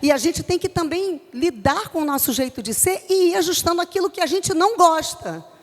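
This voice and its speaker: A middle-aged woman from Brazil with a Rio de Janeiro accent, preaching to a youth group with forceful, emphatic delivery. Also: very high voice, lively intonation, brisk, big-room sound. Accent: Rio de Janeiro Portuguese. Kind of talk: youth church sermon.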